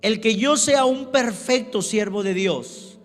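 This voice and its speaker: High-voiced preacher in a reverberant church. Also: male voice, slow. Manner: emphatic, keeps calling out to the congregation. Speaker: pastor. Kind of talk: sermon.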